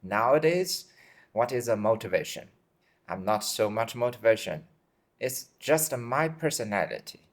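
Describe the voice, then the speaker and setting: A man in his forties from China, Chinese native, answering interview questions in simple, halting English and repeating himself, tired. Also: mid-range voice, animated. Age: 40s. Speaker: dentist guest. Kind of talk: interview answers in second language.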